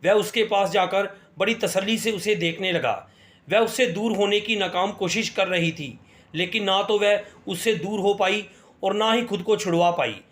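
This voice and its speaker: A man narrating a dramatic story in the first person, in a steady storytelling manner. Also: high voice, normal speed, echoey room.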